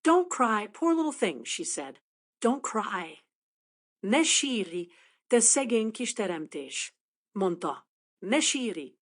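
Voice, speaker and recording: A woman voicing a kind, impulsive wealthy young lady who speaks eagerly and comfortingly, a little briskly, in a storybook reading. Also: mid-range voice, sing-song.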